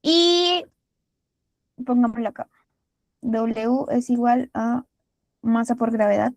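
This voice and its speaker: A woman's voice: a little high, slow, no room sound. A woman tutor with a Colombian Spanish accent, patiently walking through a physics problem step by step with casual fillers. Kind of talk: explaining a physics problem while drawing.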